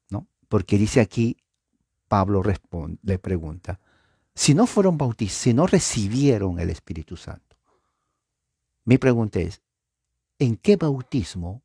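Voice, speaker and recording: Lively, husky-voiced male preacher. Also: studio quality. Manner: animated, pitch jumps up for emphasis and acted-out echoes; addresses listeners with rhetorical questions. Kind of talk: Bible teaching sermon.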